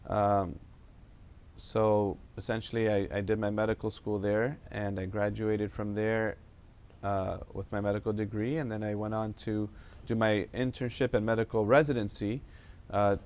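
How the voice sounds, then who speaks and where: A man's voice: on the low side, flat delivery, moderate pace, darkish tone. A young man from South Florida, a medical doctor, answers questions in a studio interview, speaking hesitantly with many fillers and restarts. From South Florida, USA. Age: young adult.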